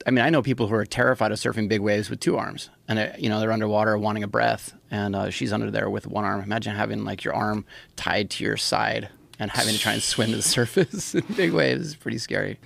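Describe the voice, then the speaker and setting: A man's voice: fairly low pitch, steady tone, a little fast, vocal fry, fairly bright tone, no echo. A man from Hawaii, talking as a podcast guest in casual chat, rambling with many restarts and fillers, close on a studio mic.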